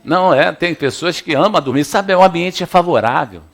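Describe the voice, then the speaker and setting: A man's voice: a little high, moderate pace, vocal fry. A man preaching a sermon in a church, playful and calling on the congregation to respond. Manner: lively, playful preaching with audience call-and-response. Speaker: pastor.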